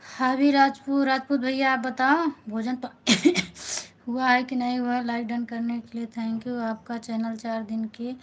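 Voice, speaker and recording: A woman's voice: fairly high pitch, level tone, measured pace, a little hiss or hum, poor audio. A middle-aged woman from north India hosting a live stream on her phone, chatting with viewers, greeting them by name and thanking them again and again. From Awadh, north India. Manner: chatty, warm-toned greetings, repeats thanks, reads out viewer names.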